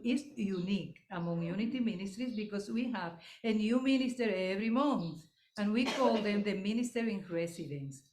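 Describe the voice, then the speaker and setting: A woman minister welcomes the congregation and leads a calm opening prayer, slipping into Spanish phrases for parts of it. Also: mid-range voice. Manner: calm, unhurried, leads a guided breath and prayer. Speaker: church minister leading the service. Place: church service hall. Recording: echoey hall, faint room noise.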